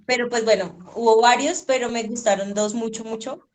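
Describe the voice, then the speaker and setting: A woman's voice: a little high, fairly even intonation, normal speed, darkish tone. Chatty woman rambling with fillers. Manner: chatty, rambling, many fillers like 'como que'. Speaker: reader and guest. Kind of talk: casual conversation.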